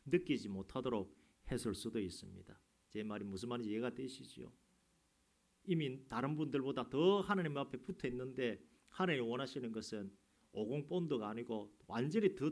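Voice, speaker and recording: A male pastor delivers a sermon in a church sanctuary. His voice swells to loud, stretched-out declarations and then falls back to hushed, low asides. His pitch sits in the middle range for a man. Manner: rises to loud emphatic peaks, then drops low and quiet.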